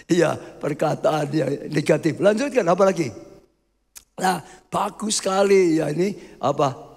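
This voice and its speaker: A man's voice: on the high side, measured pace, gravelly, darkish tone. A man, preaching a sermon as pastor, emphatic and often calling out to the congregation as brothers. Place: church hall. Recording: long hall reverb.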